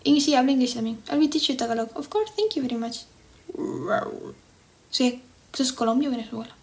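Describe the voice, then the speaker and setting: High-voiced Cuban woman chatting on a livestream. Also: a little fast, darkish tone. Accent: Cuban Spanish. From Cuba. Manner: chatty, reads out comments and answers them, tries out accents. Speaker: livestream host. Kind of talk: casual live-stream chat with viewers.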